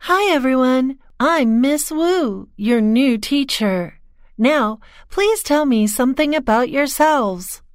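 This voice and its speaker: A woman voicing a friendly new female schoolteacher in a textbook listening dialogue, speaking clearly and encouragingly. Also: high voice, expressive, slow, no room sound, clean studio sound. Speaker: teacher in a listening exercise. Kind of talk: slow scripted textbook dialogue.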